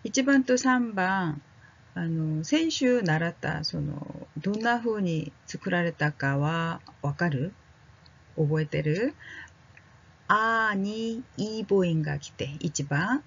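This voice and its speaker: Woman language teacher, casual and friendly, with a breathy voice on a muffled recording. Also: lowish voice. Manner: speaks slowly, drawing out vowel drills and checking in with learners; casual and friendly, with fillers like "ano". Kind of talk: slow, gentle language lesson.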